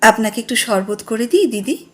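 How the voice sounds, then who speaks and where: A woman's voice: on the high side, expressive, moderate pace, faint music behind, lightly acted. A woman voicing an eager, welcoming middle-aged woman greeting her old teacher. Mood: hospitable.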